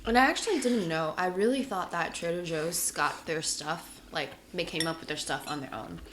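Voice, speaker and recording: A woman co-hosting a casual eating video, talking in an informal, halting way. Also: fairly low pitch, a bit bright. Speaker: mukbang video co-host. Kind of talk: casual chat while eating. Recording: faint noise with clinking cutlery.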